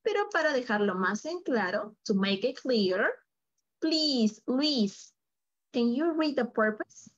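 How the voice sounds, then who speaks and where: A woman teaching an English class over a video call, switching between Spanish and English and repeating words slowly for her student. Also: fairly high pitch, very animated, muffled recording. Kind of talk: online English lesson.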